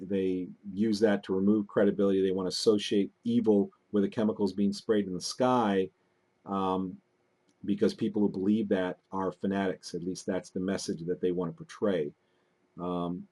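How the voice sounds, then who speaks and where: A man commenting on video clips in a deliberate, analytical way, with frequent fillers. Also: fairly low pitch, a little mellow. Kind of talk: casual commentary.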